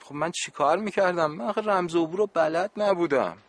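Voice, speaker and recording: A man's voice: sits high, no echo. A man playing a good-natured adult camp supervisor in a radio play, talking in a joking, exasperated, pleading way.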